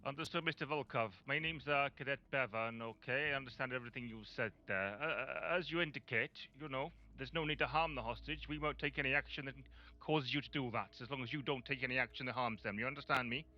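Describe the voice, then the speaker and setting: A man playing a lawman, speaking in a polite, calm and formal way. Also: mid-range voice, quick pace, muffled recording. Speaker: officer character. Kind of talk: in-character role-play.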